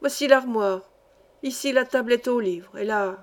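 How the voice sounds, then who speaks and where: A bitter, hot-tempered poor young man snaps back in short, sharp replies, voiced by a woman reading a story aloud. The voice sits a little high. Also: moderate pace, natural voice. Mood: curt. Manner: curt, sharp.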